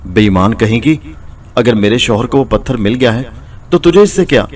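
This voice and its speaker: A man voicing a loud-mouthed, easily panicked potter's wife in a storybook tale, in a high, shrill voice. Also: expressive, normal speed, close to an everyday voice.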